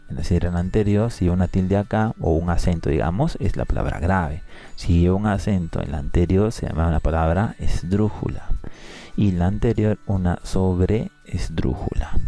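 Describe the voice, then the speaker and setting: Man from Peru, teacher, low pitch, warm dark tone, patient and explanatory, soft music underneath. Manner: patient, explanatory, repeats words to show how they sound. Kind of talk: exam review lesson.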